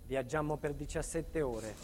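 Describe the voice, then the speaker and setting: On a very noisy recording, a man with a medium-pitched, natural voice performs a theatre monologue as a bitter protected witness describing life in hiding. Speaking in the first person as actor and narrator, he is solemn, intense and deliberate, the mood somber and haunted.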